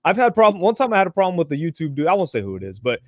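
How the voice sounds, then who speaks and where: A man's voice: on the high side, rapid-fire, no echo, studio quality. A man chatting casually as a podcast guest, telling stories full of swearing. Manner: profane, animated storyteller. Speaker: guest, toy and collectibles YouTuber.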